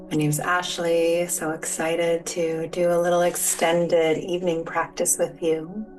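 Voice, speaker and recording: Soft music or sound bowls drift behind a woman guiding a yoga nidra meditation, picked up on a distant mic. She speaks slowly in a low voice, soothing, gentle and unhurried, giving soft spoken instruction.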